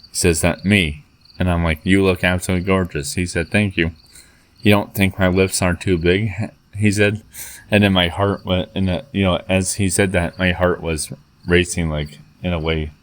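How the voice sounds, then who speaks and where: A man telling a personal story in a halting way, with many fillers and restarts, reading out old chat messages. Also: low-pitched.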